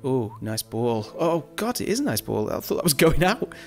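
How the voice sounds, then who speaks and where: A man giving chatty, excitable let's-play commentary over a football management game, reacting loudly to the match. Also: mid-range voice, normal speed, faint music behind. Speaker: gaming YouTuber.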